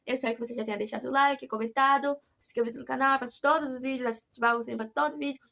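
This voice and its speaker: Brazilian woman vlogger, high-pitched, rapid-fire, earnest confessional rambling. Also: fairly even intonation, creaky, sharp tone. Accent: Brazilian Portuguese. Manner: rambling, earnest, many restarts. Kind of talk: casual confessional vlog.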